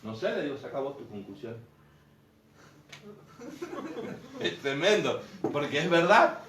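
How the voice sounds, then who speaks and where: A priest with a fairly high voice, teaching a group in a relaxed, conversational way. He acts out the dialogue in his stories. The mic sits well away from him, and the room rings with echo. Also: slow, slight background noise. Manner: storytelling, acting out quoted dialogue. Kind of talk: informal teaching talk to a group. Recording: echoey room, mic far off.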